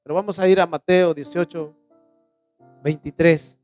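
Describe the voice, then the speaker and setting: High-voiced preacher man in church. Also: fairly even intonation, darkish tone, soft background music. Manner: asks the congregation questions and answers them; reads scripture slowly and emphatically. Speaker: pastor. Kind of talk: sermon.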